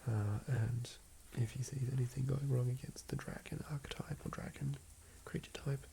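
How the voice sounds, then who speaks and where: An Australian man murmurs in a hushed ASMR whisper, rambling and thinking aloud. His voice has a mid-range pitch and a gravelly texture. A clear layer of ambient noise sits behind him. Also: fairly even intonation, moderate pace. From southern Australia. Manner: soft whisper, musing and rambling. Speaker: ASMR creator building a game character. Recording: noisy ambient background.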